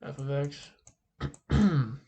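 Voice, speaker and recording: A man speaking through a face mask, giving an informal calculus lesson in a halting way, thinking aloud as he goes. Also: mid-range voice, creaky, mellow. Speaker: math teacher.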